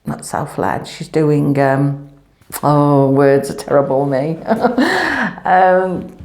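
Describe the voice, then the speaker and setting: A woman's voice: low-pitched, slow pace, mellow. A woman, rambling chattily in a casual family vlog, her voice echoing in an empty room at home through a clip-on microphone. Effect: echoey empty room. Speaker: family vlogger.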